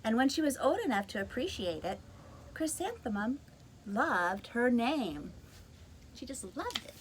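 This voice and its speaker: A woman reading a picture book aloud to young children, gently explaining words and adding asides. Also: on the high side, sing-song, a little slow, slight background noise.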